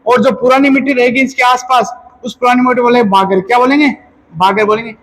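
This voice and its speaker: A man with a very high-pitched voice gives an exam-prep lecture. He drills key terms by asking them back as questions. He often stops to correct his own slips. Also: steady tone, quick pace, fairly bright tone, poor audio. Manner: casual explaining tone. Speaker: teacher.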